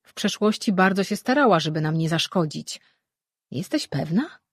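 Thoughtful worried sorceress, woman reading, low husky voice, audiobook. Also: expressive, normal speed, no echo, studio quality.

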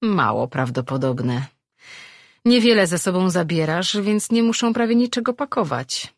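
Reader doing calm amused guy, gently teasing, dry husky read. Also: mid-range voice, normal speed, no echo. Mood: gentle. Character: calm wise male companion, amused and gentle.

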